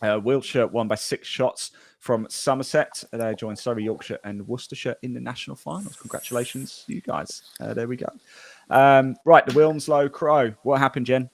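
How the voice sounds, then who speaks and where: A man's voice: mid-range voice, steady tone, normal speed, vocal fry, no room sound. A man hosting a golf podcast, reading the news in a chatty, rambling way with plenty of fillers and restarts. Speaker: podcast host.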